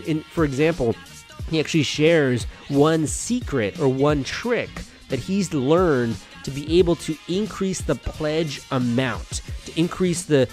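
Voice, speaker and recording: A man's voice: mid-range voice, darkish tone. A young American man hosting a podcast, talking in a friendly, chatty way with frequent restarts. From United States. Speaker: podcast host. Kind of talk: casual podcast monologue.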